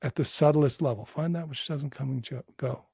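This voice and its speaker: A man who works as a psychotherapist, guiding a short meditation in a calm, unhurried, gently inviting voice with long pauses. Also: mid-range voice, vocal fry, husky, no echo, studio quality. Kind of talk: guided meditation within a podcast interview.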